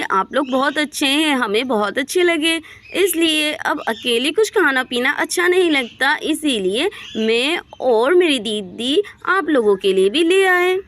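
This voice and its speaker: A woman's voice: sits high, a bit bright, voice pushed up. A woman doing a chirpy, eager young village wife. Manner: chirpy, obliging. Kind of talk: doll story voice acting.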